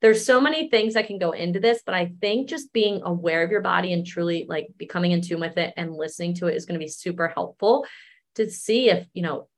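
Guest, woman in her 30s, slightly low voice, relaxed explanatory chat. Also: a little fast. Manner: relaxed, explanatory, many fillers. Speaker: wellness coach guest. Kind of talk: casual interview chat.

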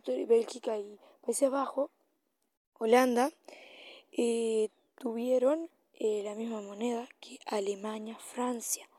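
High, mellow woman podcaster, closely recorded. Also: no echo. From Latin America. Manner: improvised, hesitant, self-correcting delivery. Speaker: podcast host. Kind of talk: informal solo podcast commentary.

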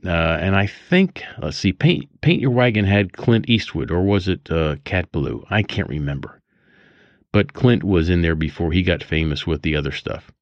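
A man's voice: deep voice, lively intonation, moderate pace, no echo. An older man hosting a casual daily almanac monologue, musing and digressive, chuckling as he reminisces. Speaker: podcast host. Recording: dull lo-fi dry recording.

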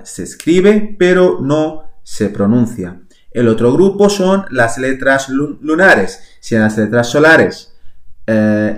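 A man teaching a language lesson on a podcast, slow and patient, repeating each word for his listeners. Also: medium pitch, echoey room. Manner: slow, patient, spells out words and repeats them.

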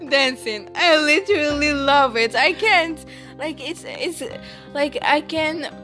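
A young woman from Morocco talks slowly in a relaxed podcast chat, her voice sitting fairly high. She laughs easily and fills her pauses with "uh" and "um". Soft music plays faintly behind her. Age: late teens. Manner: slow, giggly, many fillers and restarts. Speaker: podcast co-host. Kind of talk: casual chat.

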